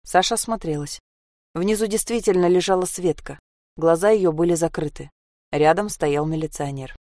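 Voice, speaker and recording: A woman's voice: on the low side, moderate pace, darkish tone, no echo, clean studio sound. A woman narrating a story expressively and voicing the characters. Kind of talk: storybook reading.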